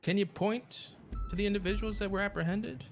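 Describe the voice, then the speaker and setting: A man role-playing a prosecutor, formally addressing a court with somewhat halting phrasing. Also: high voice. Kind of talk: improvised courtroom role-play.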